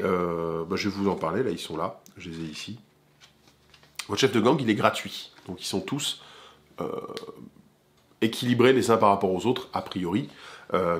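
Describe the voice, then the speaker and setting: Low-voiced man chatting casually. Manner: chatty, informal, talks straight to the viewer. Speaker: board game channel host. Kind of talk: casual game presentation.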